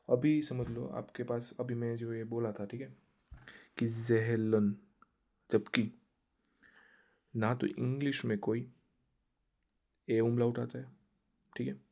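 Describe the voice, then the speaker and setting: A man giving a casual online German lesson, explaining slowly and repetitively while mixing Hindi and English. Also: mid-range voice, gravelly, dark tone. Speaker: German language teacher.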